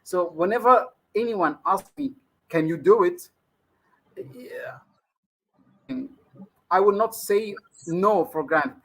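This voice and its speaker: This Egyptian man, a native Arabic speaker with an Egyptian accent, has a high-sitting, fairly bright voice and talks slowly with long pauses. He's a guest trainer in a casual live interview, chatty and quick to laugh, constantly throwing in "you see." The audio quality is poor.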